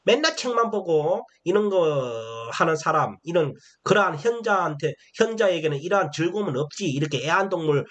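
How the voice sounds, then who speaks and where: A man's voice: fairly high pitch, expressive, normal speed, few pauses, a bit bright. A man voicing a boastful ancient king who sneers and teases a visiting scholar. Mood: mocking. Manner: sneering, teasing, casual speech. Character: smug mocking ancient king, male, boastful.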